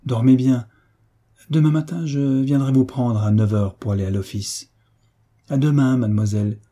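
Pious schemer, older woman, unctuous and sighing, voiced by a man with a dark, husky tone. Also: medium pitch, fairly even intonation, moderate pace, pitched above the performer's own voice, lightly acted. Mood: sanctimonious.

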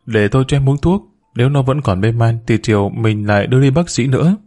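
A man's voice: medium pitch, fast, mellow, natural voice. A man voicing an anxious devoted caretaker woman. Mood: tender.

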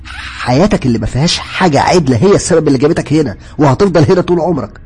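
A man's voice: on the high side, animated, very fast, darkish tone, slightly rough, voice pushed up. A man voicing Sara, a pleading doomed young woman. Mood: insistent. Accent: Egyptian Arabic.

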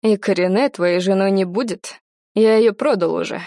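A woman voicing a gruff, domineering middle-aged uncle who speaks slowly and heavily. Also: medium pitch, warm tone, no room sound, studio quality, lightly acted. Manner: slow, heavy, commanding.

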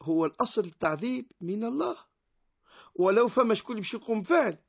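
A man's voice: high voice, very animated, fast, gravelly, slightly rough. A man with a Tunisian accent, a sheikh giving a radio lecture on the Quran who poses rhetorical questions and answers them himself. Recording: dull lo-fi radio recording.

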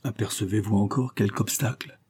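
A man's voice: fairly low pitch, steady tone, fairly quick, husky. A man reading an audiobook, voicing a scheming, coldly polite marquis who sneers and presses his threats. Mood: menacing. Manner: sneering, insistent, rising to forceful outbursts.

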